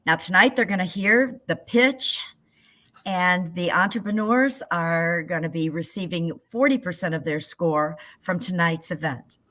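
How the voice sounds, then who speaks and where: A woman explaining the rules of a pitch competition to judges in a brisk, businesslike way. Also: a bit bright. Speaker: event organizer.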